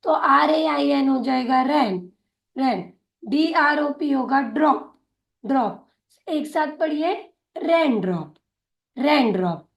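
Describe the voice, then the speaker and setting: Slow, high-voiced woman teaching phonics. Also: lively intonation, vocal fry, echoey room. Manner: slow, patient, repeats each word twice. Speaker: English teacher. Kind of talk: phonics lesson, spelling out and sounding words.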